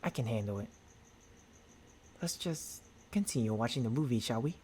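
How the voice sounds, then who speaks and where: A reassuring vampire boyfriend, tender and gentlemanly, is voiced by a man whose expressive mid-range voice stays close to everyday speech, with slight background noise. He speaks haltingly, husky and breathy, into a close binaural mic, using formal endearments in this intimate ASMR roleplay.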